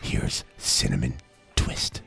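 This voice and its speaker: A man's voice: slow, a bit bright, soft background music. A man hosting a comic radio call-in show, boisterous and wisecracking. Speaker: radio host.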